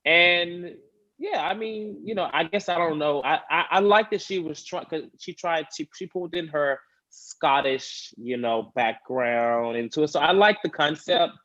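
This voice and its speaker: A man's voice: on the high side, measured pace, fairly bright tone, no room sound, highs cut off. A man on a recap panel, hedging his opinions with small nervous laughs. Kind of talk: casual recap chat.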